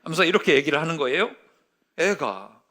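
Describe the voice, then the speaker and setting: A male pastor preaching a sermon, telling a story and acting out its quotes, dropping to a hush and rising loud again. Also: on the high side, sing-song, brisk. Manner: storytelling with acted-out quotes, swinging from hushed to loud.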